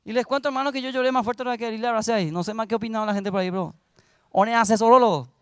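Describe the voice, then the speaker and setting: A young man preaching a sermon, telling a story and then rising into loud exhortation. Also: extremely high pitch, fairly even intonation, very fast, clear, resonant tone, no echo, studio quality.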